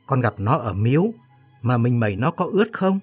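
A man reading a story, voicing an older mother asking softly and anxiously. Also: mid-range voice, big pitch swings, normal speed, breathy edge, soft background music. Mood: worried. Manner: asks softly. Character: older mother, quietly worried.

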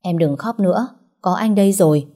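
A woman voicing a gentle young man who softly coaxes his girlfriend. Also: medium pitch, a little fast, lightly acted. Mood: tender. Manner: soft, coaxing.

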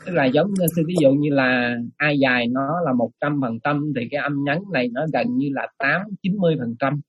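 A man's voice: medium pitch, a little fast, breathy edge, no echo, muffled recording. A man, a monk, patiently teaching Pali pronunciation in an online class and repeating the key sounds.

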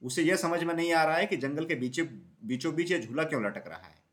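A kindly, slightly clumsy cow from a children's storybook, as a male narrator puts her on. Her voice sits higher than an ordinary man's and she sounds plaintive and innocent. Lively lift to the phrases. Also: a little fast, close to an everyday voice. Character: gentle clumsy female cow, kindly and naive.

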